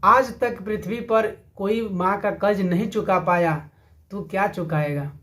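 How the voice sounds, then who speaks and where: A gentle, pleading old mother in a spoken moral story, a man speaking her lines. She talks unhurriedly, with love and worry. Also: high voice, unhurried. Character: loving, worried old mother.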